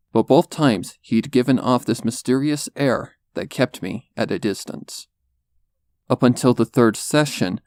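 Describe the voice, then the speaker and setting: A man reading a dark first-person story as a narrator, in a measured, solemn manner. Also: mid-range voice, no room sound. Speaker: fan fiction narrator. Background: music under the voice.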